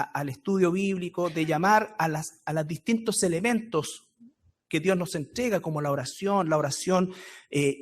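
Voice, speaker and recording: A Chilean man preaching a Bible study sermon in church, explaining words slowly and repeating key phrases for emphasis. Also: high voice. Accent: Chilean Spanish.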